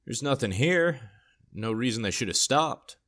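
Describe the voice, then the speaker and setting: A man's voice: mid-range voice, animated, unhurried, a bit bright. A man voicing a young, skeptical male police corporal who keeps questioning. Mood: doubtful.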